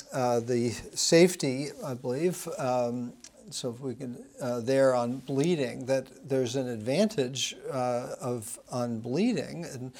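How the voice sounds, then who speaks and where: A man moderating a medical panel discussion who keeps the talk moving, speaking haltingly with many fillers. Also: mid-range voice, darkish tone.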